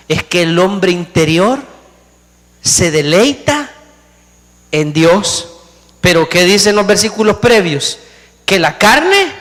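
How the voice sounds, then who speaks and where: A man's voice: high-pitched, fairly bright tone, big-room sound. A man preaching a sermon as pastor, speaking emphatically and putting rhetorical questions to his congregation in a church.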